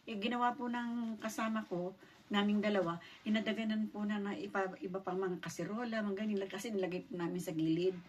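A woman's voice: medium pitch, fairly even intonation, a little fast, highs cut off. A middle-aged woman from the Philippines tells a personal story in her vlog, polite and acting out the dialogue as she goes, picked up on a distant mic with faint noise. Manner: polite, retells events with quoted dialogue. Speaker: vlogger.

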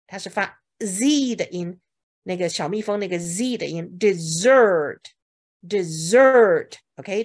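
Husky-voiced woman teaching vocabulary. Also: medium pitch. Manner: drills words slowly, asks questions, says OK a lot. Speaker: English teacher. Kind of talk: bilingual vocabulary lesson to a class.

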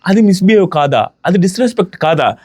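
A man's voice: sits high, quick pace. A man giving casual, argumentative commentary on a reality show, acting out what people said. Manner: animated, argumentative, acts out quotes.

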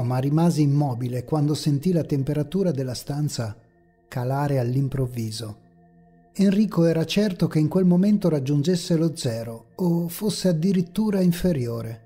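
A man narrating a horror story in a measured, ominous way. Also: a little high, breathy edge. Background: faint dark ambient music.

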